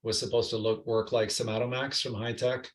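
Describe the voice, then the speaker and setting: Guy telling stories on a podcast, gets animated, kinda echoey room. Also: mid-range voice, brisk. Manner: lively, animated anecdotes with quoted voices. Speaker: guest. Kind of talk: storytelling interview chat. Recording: roomy echo.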